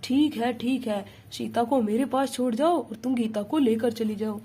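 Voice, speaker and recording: A woman plays an easygoing father doll in a homemade doll story. The voice is a little high for a man, relaxed and reassuring, over a noisy recording. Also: moderate pace, natural voice.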